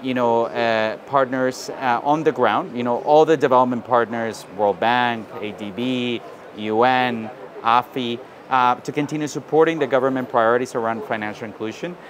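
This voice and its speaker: Being interviewed outside amid street noise, a financial inclusion advisor from South America responds thoughtfully in a medium-pitched voice. He frequently slips "you know" and "right?" into his answers.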